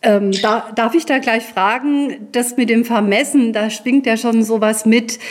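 A woman with a fairly high voice hosts an interview. She frames her questions at great length and speaks in a formal, cultivated manner. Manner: elaborate, long-winded questions, formal address.

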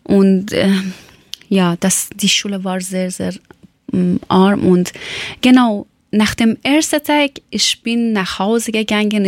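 Woman, young, from Iran, slow halting speech, searches for words, dry recording. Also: mid-range voice, dry recording. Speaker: former teacher telling her story. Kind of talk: personal testimony in learner German.

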